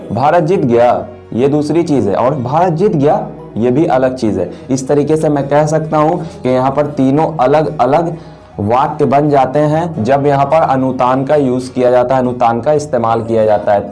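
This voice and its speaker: Man, teacher, grammar lesson, patient, mid pitch, faint background music. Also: darkish tone. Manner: patient, repeats examples slowly and drawn out. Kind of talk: grammar lesson explaining while writing.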